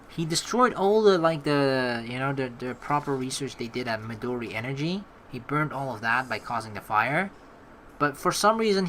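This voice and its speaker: A let's player reads game text aloud and thinks out loud in casual, rambling, halting commentary. The voice is mid-range, with slight background noise.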